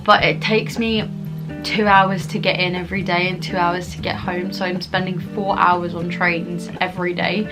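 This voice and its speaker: A woman's voice: on the low side, level tone, moderate pace, music in the background. A young adult woman with a southern English accent chats casually in a rambling, informal mukbang vlog. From England, Kent. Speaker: vlogger answering viewer questions.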